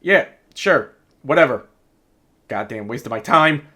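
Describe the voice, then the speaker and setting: A man's voice: medium pitch, expressive, measured pace, bright, forceful tone, slight background noise. A man giving exasperated, sarcastic and profane commentary as he reviews a video game.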